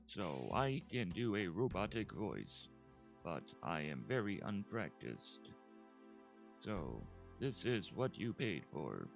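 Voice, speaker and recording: A man doing a homemade robot voice by talking on the in-breath. He plays a jerky, deadpan male robot, with glitchy pitch jumps and a gravelly, croaky sound. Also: slow pace, faint music behind, full character voice. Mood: robotic deadpan. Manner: glitchy pitch jumps, spoken while inhaling. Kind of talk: casual livestream voice demo.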